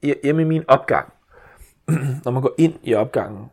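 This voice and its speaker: A man's voice: medium pitch, darkish tone. A man, telling a story as a father in casual chat, rambling with many restarts and fillers.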